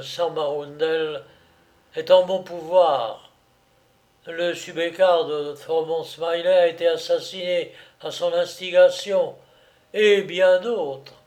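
A smooth-talking gentleman thief, bright-spirited and mockingly courteous, as a man reading a story puts him on. He speaks in a slightly high voice at an unhurried pace. He sounds like a figure in a read-aloud tale. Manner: cheerful, mocking politeness.

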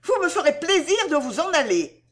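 A frightened, delirious young lady speaks in raised, sharp exclamations, as a woman reads her part. The pitch rides high and swings widely, like a dramatized novel reading. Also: lively intonation, moderate pace. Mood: impatient.

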